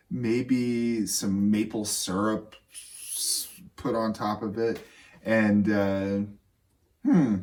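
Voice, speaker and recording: A man's voice: lowish voice, darkish tone. A man co-hosting a casual whiskey review, cracking goofy jokes between tasting notes. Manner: joking, goofy asides. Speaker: co-host. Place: home man cave, indoors. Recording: a bit distant from the mic, faint background noise.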